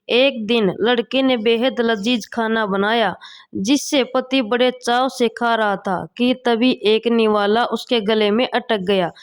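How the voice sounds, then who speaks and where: A woman reads one short joke after another in a fairly high voice. She keeps an unhurried, deliberate pace and lets each punchline land. The delivery is plain comedy-channel joke reading. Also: smooth. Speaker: joke reader. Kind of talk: reading jokes aloud.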